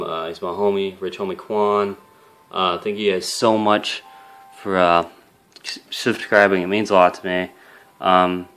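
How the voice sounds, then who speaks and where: A young man hosting his own YouTube gaming channel talks straight to camera in a fairly low, smooth voice with a fairly bright tone. He rambles loosely, full of fillers and swearing, sounding earnest and emotional as he thanks his viewers.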